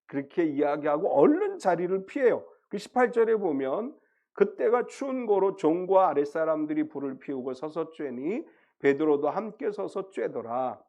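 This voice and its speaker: A man with a high voice preaches a sermon from the pulpit. He retells the story in a conversational way and acts out the quoted lines, dropping to a hush and then rising again. His delivery comes in lively bursts. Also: muffled recording. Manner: acts out quoted voices of Peter and Jesus, swinging loud to soft. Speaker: pastor.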